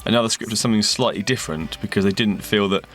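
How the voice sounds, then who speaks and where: A man's voice: lowish voice, fast. An English man co-writing a sitcom, chatting casually through an audio commentary and telling anecdotes with a self-deprecating humour. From England. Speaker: co-writer giving audio commentary.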